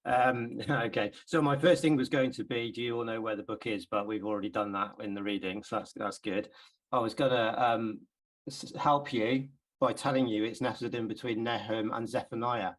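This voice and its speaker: Man, Bible class speaker, informal and hesitant, lots of ums, medium pitch. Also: steady tone, normal speed, low-quality recording. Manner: chatty, hesitant, many ums and self-repeats. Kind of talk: informal Bible talk to a congregation.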